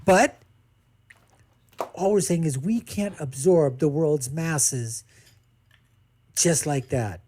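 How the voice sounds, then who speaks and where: A panelist in a live debate arguing forcefully, asking rhetorical questions and acting out examples. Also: medium pitch, slow pace, pauses often, slight background noise.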